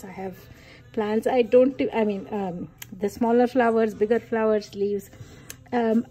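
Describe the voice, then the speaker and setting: A woman's voice: fairly high pitch, mellow, slightly rough, low-quality recording. A woman talking casually through a card-making tutorial, chatty and enthusiastic, thinking aloud with many fillers. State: hiccuping. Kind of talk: casual craft tutorial talk.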